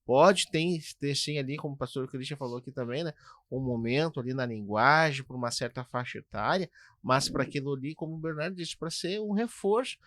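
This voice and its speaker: A man co-hosting a pastoral podcast, explaining points in a measured way with frequent tag questions. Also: mid-range voice, a bit bright, no room sound. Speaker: podcast co-host. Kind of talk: casual pastoral podcast talk.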